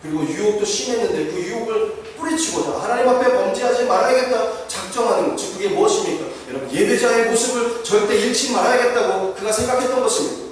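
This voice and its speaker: A man's voice: high-pitched, animated, fast, few pauses, far from the mic, a little hiss or hum. A male pastor preaching a sermon with fervent, rising emphasis in a church sanctuary. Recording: echoey church hall, voice from afar.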